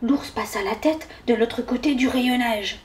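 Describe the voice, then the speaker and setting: High-voiced woman reading a children's story. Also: measured pace, a little mellow. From France. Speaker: children's story reader at a library. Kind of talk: storybook read-aloud for children.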